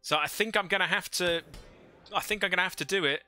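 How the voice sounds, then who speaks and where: Male streamer, headset mic livestream audio, bright forceful tone, fairly high voice, faint music under him, chatty and thinking aloud. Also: fast talker. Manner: thinks aloud, chats with viewers. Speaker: livestreamer playing a strategy game. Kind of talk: casual live gameplay commentary.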